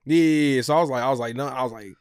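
A man's voice: mid-range voice, rapid-fire, darkish tone, smooth, no room sound, studio quality. A young man co-hosting a podcast, laid-back and slangy, swearing freely in casual chat. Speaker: podcast co-host.

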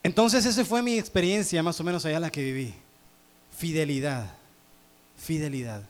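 A man's voice: high-pitched, lively intonation, fast talker. A man with a Mexican accent, preaching a sermon through a humorous personal story, teasing the congregation. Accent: Mexican Spanish.

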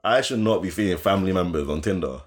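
The story comes fast from a young man with a low-sitting voice and a London roadman accent. It's casual and animated, thick with slang, and he keeps repeating phrases for emphasis.

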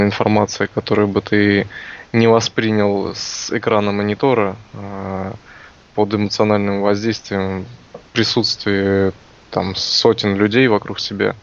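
A young man co-hosting a podcast in a casual, conversational style. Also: on the low side. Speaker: podcast co-host. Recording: dull, lo-fi sound.

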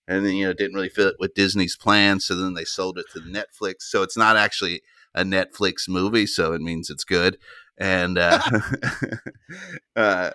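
A man's voice: low-pitched, sharp tone, no echo. A man hosting a podcast, chatting casually in a laid-back, rambling way. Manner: laid-back, rambling with restarts, says dude. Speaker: podcast host.

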